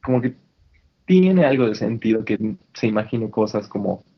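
Husky man, slangy and animated. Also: on the low side, normal speed, muffled recording. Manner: animated, slangy, frequent restarts. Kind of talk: casual chat. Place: indoors in Canada.

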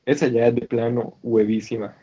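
Husky man, slangy and animated. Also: mid-range voice, normal speed, lo-fi sound. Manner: animated, slangy, frequent restarts. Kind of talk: casual chat. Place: indoors in Canada.

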